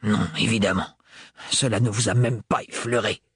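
A man's voice: fairly low pitch, lively intonation, slow, darkish tone, slightly rough, no echo, clean studio sound, heavily acted. A man reading an audiobook, voicing a stern, distant man with hard intonation. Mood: angry.

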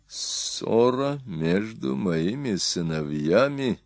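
A man voicing a stern Hun king in an audiobook, speaking slowly and gravely with an imperious manner. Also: on the low side, sing-song, no room sound, studio quality, heavily acted. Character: stern old Hun king, cold and commanding. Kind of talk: audiobook character voice.

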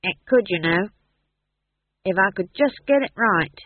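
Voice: mid-range voice, animated, a little slow, dry recording. A reader voicing a proud, touchy male playwright who speaks curtly and defensively, on a tinny, phone-like recording. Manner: curt, defensive. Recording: tinny phone-like dry sound.

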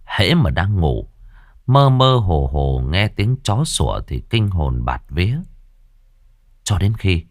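A man tells a village ghost tale with dramatic, animated storytelling. His voice sits low, but the pitch swings widely as he builds the tension. The recording is dry and close to the mic. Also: takes it slowly, no echo. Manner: lively, dramatic, acts out characters.

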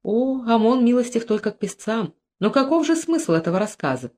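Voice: medium pitch, sing-song, fairly quick, darkish tone, pitched above the performer's own voice, lightly acted. A reader voicing a proud, cunning young priestess who speaks haughtily in an audiobook. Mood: haughty. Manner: haughty, calculating. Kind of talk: audiobook character voice.

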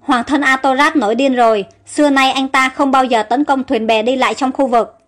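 A woman's voice: high-pitched, steady tone, brisk, lightly acted. A woman reading the part of a fearful, loyal older male minister who speaks nervously and pleads, within a storybook audio tale.

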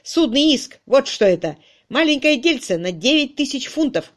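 A woman voicing a brash, blustering male debt collector who speaks loudly and stretches his words. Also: mid-range voice, expressive, natural voice. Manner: loud, emphatic, drawn-out words.

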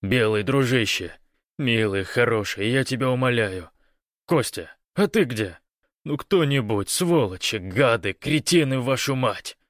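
A man voicing a desperate young man who yells commands over a radio, high and loud, in a dry recording. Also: lively intonation, unhurried, dry recording, close to an everyday voice. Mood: pleading. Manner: shouting, commanding.

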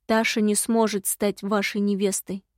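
A woman voicing a shaggy male imp helper in an audiobook, speaking quietly and guilelessly. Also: medium pitch, steady tone, moderate pace, no echo, clean studio sound, lightly acted. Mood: hushed. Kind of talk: audiobook character reading.

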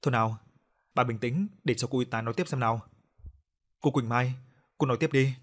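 A man's voice: mid-range voice, brisk, close to an everyday voice. A man voicing a hot-tempered middle-aged father in an audio story. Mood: restrained.

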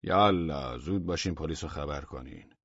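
A man voicing a weary, mild-mannered male burglar in a story reading, speaking calmly and without worry. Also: rumbling low, no room sound, highs cut off. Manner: calm, weary, unbothered.

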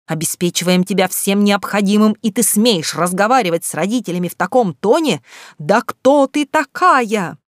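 A woman voicing a furious middle-aged father, a school principal, who shouts and rebukes in a storybook reading. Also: mid-range voice, expressive, moderate pace, no echo, studio quality, natural voice. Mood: threatening.

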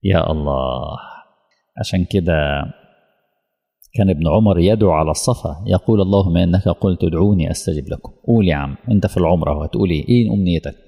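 A man's voice: low-pitched, very fast, dark tone, slightly rough. A man with an Egyptian Arabic accent delivering an emotional, pleading sermon as a preacher. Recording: long hall reverb.

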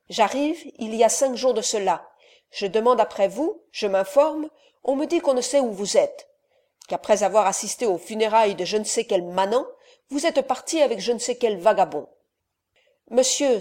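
For an audiobook, a woman with a fairly high, dark-toned voice reads the part of an angry, sardonic middle-aged nobleman. As the father, he scolds his son with scornful commands.

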